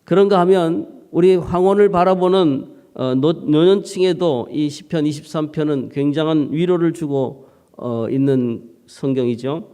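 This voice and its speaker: Male pastor, conversational sermon; slightly high, resonant, long church reverb. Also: unhurried, mellow, clear, resonant tone. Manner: conversational, hesitant with fillers. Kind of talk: early-morning sermon. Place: church sanctuary.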